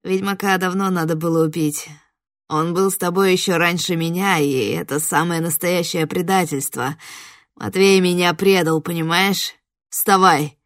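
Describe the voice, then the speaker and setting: A woman voicing an evil wish-granting spirit disguised as a young man, gentle and creepy one moment, snarling the next. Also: fairly low pitch, fairly even intonation, moderate pace, no echo, clean studio sound, lightly acted. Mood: eerily calm. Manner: soft and eerily gentle, then snarling. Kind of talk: audiobook character voice.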